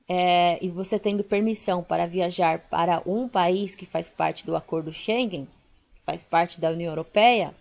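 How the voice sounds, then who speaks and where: Chatty Brazilian woman teaching a class. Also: medium pitch. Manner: chatty, explains step by step with fillers. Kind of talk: online classroom lesson.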